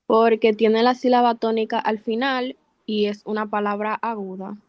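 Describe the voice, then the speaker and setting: A woman student giving careful, deliberate answers in an online class. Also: on the high side, level tone, dry recording, lo-fi sound.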